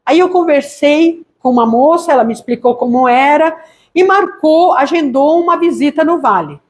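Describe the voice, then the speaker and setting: High-voiced Brazilian woman giving testimony. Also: normal speed. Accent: Brazilian Portuguese. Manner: lively storytelling, acts out quoted voices. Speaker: missionary pastor. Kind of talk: church testimony.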